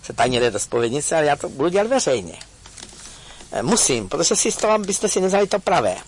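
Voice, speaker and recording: A man giving an earnest, confessional talk to an audience, telling a personal story with hesitant pauses. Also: on the high side, sing-song, slight background noise, rough recording. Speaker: speaker addressing an audience.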